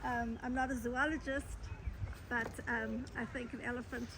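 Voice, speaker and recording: A woman with a high voice interviews an artist outdoors. She speaks in a reflective, musing way. She is set back from the mic, and loud outdoor noise sits around her. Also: little pitch movement, normal speed, far from the mic. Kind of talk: casual interview. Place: outdoors at a zoo.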